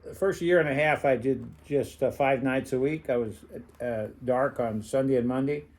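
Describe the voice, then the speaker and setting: An older American man, once a club owner, reminisces casually in a mid-range voice. He speaks haltingly and rambles, chuckling often.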